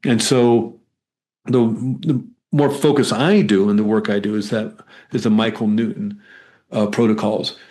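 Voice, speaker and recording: Fairly low and a little mellow, this man's voice keeps a fairly even intonation. Guesting in a conversational interview, the hypnotherapist explains things and tells stories while rambling, frequently stopping short and repeating himself.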